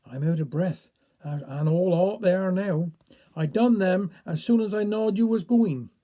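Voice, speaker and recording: A man's voice: high-pitched, measured pace, dark tone. A man voicing a fussing Cornish village woman who chatters in a flustered rush.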